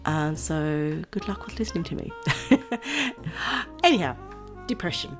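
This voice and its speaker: A woman with a low voice, nasal and a little hoarse from a cold. She talks in a loose, rambling chat with frequent laughs, as if to friends on her channel. Faint music plays softly behind her. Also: very animated, takes it slowly. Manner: chatty and rambling, laughs often. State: voice going hoarse. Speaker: vlogger. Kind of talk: casual chat to camera.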